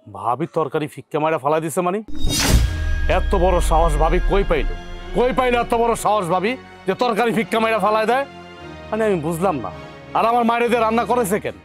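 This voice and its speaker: An indignant young husband with a colloquial Bangladeshi Bengali accent, scolding in a fairly high voice. He talks fast, and soft music plays underneath. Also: animated. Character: angry young husband defending his mother. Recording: with faint background music.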